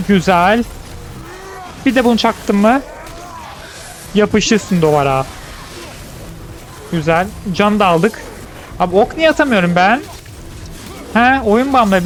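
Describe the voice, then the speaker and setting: A young man giving playful, chatty let's-play commentary, shouting excitedly in fights. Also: sits high, measured pace, long pauses. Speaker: gameplay commentator.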